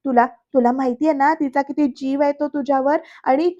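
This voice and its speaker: A woman's voice: high-pitched, steady tone, fairly quick, dark tone, highs cut off, close to an everyday voice. A woman voicing an angry, worried young woman who scolds her brother in a heated way. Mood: scolding.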